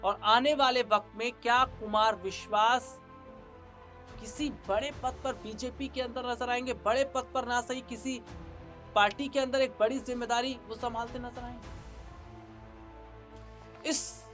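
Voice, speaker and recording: A man's voice: very high-pitched, steady tone, a little slow, pauses often, a bit bright. Emphatic male news anchor over faint music. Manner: repetitive emphatic narration, rhetorical questions. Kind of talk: news commentary.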